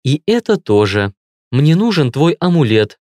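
A man's voice: on the high side, sing-song, a little mellow, dry recording. A man voicing a worried young wife who covers her unease with jokes, read as audiobook dialogue. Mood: earnest. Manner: teasing, brisk. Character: young woman, worried yet joking wife.

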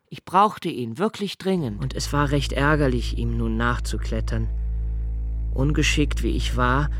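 A middle-aged man narrates in the first person for a literary radio play, quiet, measured and inward. His voice is at a medium pitch, recorded in a studio.

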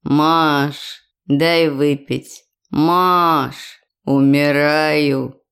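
Audiobook role: woman playing a hungover dad, wheezy, slow and pleading. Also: deep voice, steady tone, a bit bright, smooth, voice pushed down, exaggerated voice. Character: hungover middle-aged father begging for drink.

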